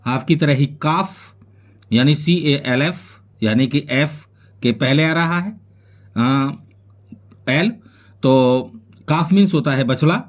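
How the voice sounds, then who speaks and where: A male English teacher with a fairly high voice. He gives a patient classroom lesson, spelling words out letter by letter and then explaining their meanings. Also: slow, long pauses.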